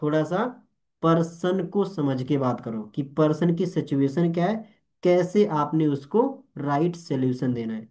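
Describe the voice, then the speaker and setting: A man's voice: a little high, a little slow. A young man training network marketers, speaking Hindi mixed with English and often checking if everyone is following. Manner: animated, keeps asking "ठीक है?" and "All clear?"; mixes Hindi with English words. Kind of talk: motivational training talk.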